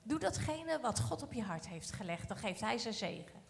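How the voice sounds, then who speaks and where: Woman, church talk, earnest and encouraging, fairly high voice, long hall reverb. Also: sing-song, moderate pace, vocal fry. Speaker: church speaker. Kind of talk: exhortation in church.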